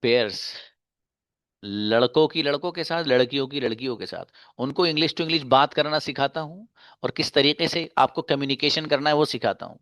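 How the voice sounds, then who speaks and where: A male English teacher giving a classroom lesson, chanting conjugation drills in quick runs and lecturing students earnestly, calling them brother and dear. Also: mid-range voice, fairly bright tone, no room sound, studio quality. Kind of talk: classroom lesson in Hindi-Urdu.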